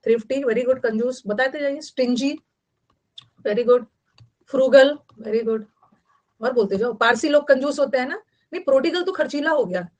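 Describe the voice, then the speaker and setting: Lady teacher, fairly high voice, mixes hindi in, keeps repeating words and asking the class. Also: rough recording. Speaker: English vocabulary teacher. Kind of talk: online class lecture.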